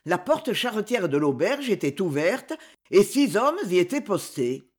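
A narrator reading a swashbuckling adventure novel aloud in a dramatic, expressive storytelling manner. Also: medium pitch, unhurried.

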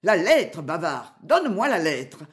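A woman's voice: lowish voice, very animated, unhurried. An impatient, hot-tempered young knight, as a woman reading the story voices him, urgent and demanding in every line. His voice swings widely as he presses his point.

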